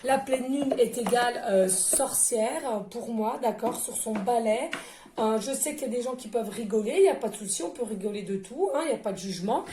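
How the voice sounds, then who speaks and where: Woman medium, effusive and emotional, fairly high voice, echoey room with faint hiss. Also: brisk. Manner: emotional, effusive, many fillers and repetitions. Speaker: medium doing oracle card readings. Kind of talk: casual spiritual card reading to viewers.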